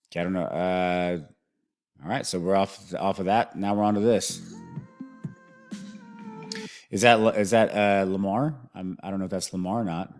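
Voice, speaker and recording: A man's voice: deep voice, steady tone, moderate pace, long pauses, a little mellow. A man hosting a music video reaction, thinking aloud in a rambling way and often restarting his sentences.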